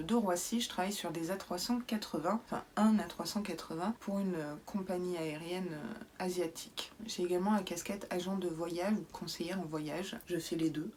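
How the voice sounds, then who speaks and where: A woman's voice: on the low side, a little mellow, a little hiss or hum. Chatty woman in her thirties. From southwest France and New Zealand. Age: 30s. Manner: chatty, playful asides, frequent fillers. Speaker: beauty YouTuber. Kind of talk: casual Q&A vlog.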